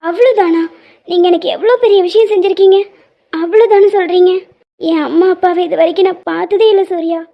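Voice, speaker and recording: A woman's voice: very high-pitched, steady tone, brisk, vocal fry. A woman voicing a tearful young wife in a cartoon, speaking emotionally and pleading. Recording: slightly dull lo-fi audio.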